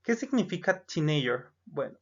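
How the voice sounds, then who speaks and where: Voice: medium pitch, sing-song, moderate pace. A teacher with a Mexican Spanish accent in a recorded lesson, patiently saying each English number aloud, repeating it, and checking in with "¿no?". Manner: explanatory, with frequent "eh" and "¿no?" checks. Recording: slightly dull lo-fi recording.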